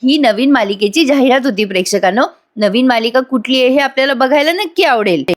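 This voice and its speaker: A woman's voice: high-pitched, fairly quick. A woman giving a chatty voice-over review of a TV serial episode, talking straight to her viewers. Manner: chatty, addresses viewers, laughs often.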